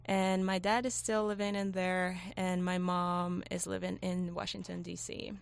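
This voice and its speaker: A woman's voice: on the low side, flat delivery, measured pace, vocal fry, clear, resonant tone. A woman, a student guest on a radio show, giving brief, easygoing answers. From Venezuela. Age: 20s. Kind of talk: casual interview answers.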